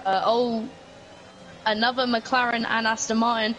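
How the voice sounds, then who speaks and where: A woman's voice: a little high, little pitch movement, unhurried, fairly bright tone, a little hiss or hum, poor audio. A woman co-commentating a sim race in a casual, chatty way, reading out the chat and exclaiming at the action. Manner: chatty, reads chat aloud, frequent exclamations.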